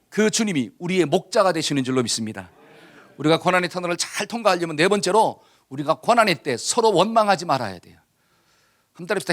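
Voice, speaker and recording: A man's voice: a little high, a bit bright. A middle-aged male pastor preaching a sermon, leading the congregation in call-and-response and dropping to a whisper at times. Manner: drops to a whisper for inner voices.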